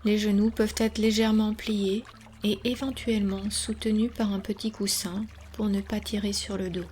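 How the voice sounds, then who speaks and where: Leading a guided yoga nidra relaxation, this woman speaks in a calm, soothing, medium-pitched voice with long pauses between her instructions. There's a little hiss or hum in the recording.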